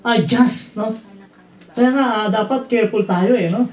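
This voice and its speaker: A man's voice: high voice, unhurried. A man with a Filipino accent preaching a sermon as pastor, mixing in English and often asking "Amen?" and "no?". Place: church hall. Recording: roomy hall audio from a distance.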